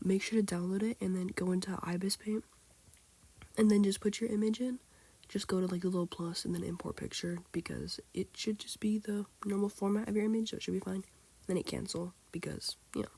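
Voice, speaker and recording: A sick teenage girl with a hoarse, childlike-sounding voice, rambling casually through a drawing tutorial with lots of fillers. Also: mid-range voice, warm tone, no room sound. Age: teens. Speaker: tutorial maker. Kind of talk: casual screen-recorded tutorial.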